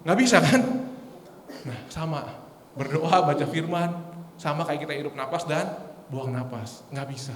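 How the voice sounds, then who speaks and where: A man's voice: on the high side, fairly even intonation, moderate pace. A man in his thirties, a lay preacher giving a casual, story-filled sermon at a prayer meeting. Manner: casual, chatty, storytelling with laughs. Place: large echoey church hall. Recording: echoey hall, faint noise.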